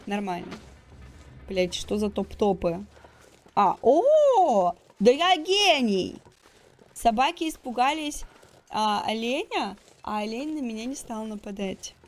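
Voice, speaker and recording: A woman's voice: fairly high pitch, very animated, slow. A woman streamer commenting on her gameplay as she goes. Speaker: VTuber streamer.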